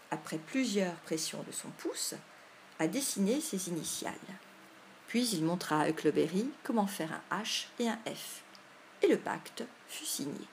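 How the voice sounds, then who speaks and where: A woman reading a classic adventure story aloud as narrator, measured and expressive. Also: mid-range voice, a little hiss or hum. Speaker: audiobook reader.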